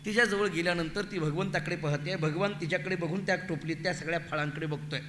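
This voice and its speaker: A man telling a devotional story as a kirtan preacher, animated and acting out the voices of the story's figures, with a Marathi accent. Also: a little high, fast talker, a little hiss or hum. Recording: echoey hall with long reverb.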